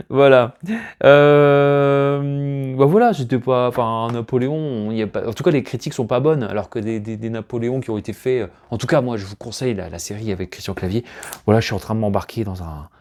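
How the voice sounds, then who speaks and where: A man's voice: mid-range voice, moderate pace, darkish tone. A man casually showing off his collection finds at home, rambling and hesitant, often chuckling. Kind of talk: casual unboxing chat to camera. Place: room at home, indoors.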